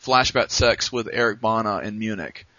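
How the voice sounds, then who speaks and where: A man's voice: fairly low pitch, normal speed, pushed and bright, no room sound, highs cut off. A man co-hosting a podcast who chats loosely about films, slangy and full of fillers. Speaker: podcast co-host. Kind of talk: casual film chat.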